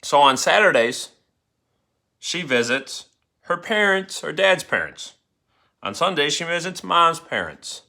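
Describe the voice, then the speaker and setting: Bright-voiced male teacher reading to class. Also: on the high side, sing-song, a little slow, vocal fry, pauses often. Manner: coaxing students to keep up, calling names. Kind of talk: reading a story aloud to a class.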